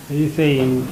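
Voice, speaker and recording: Man from South Sudan, halting first-person interpreter, echoey and noisy. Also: medium pitch. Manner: halting, many fillers and pauses, short phrases. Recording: roomy echo with ambient noise.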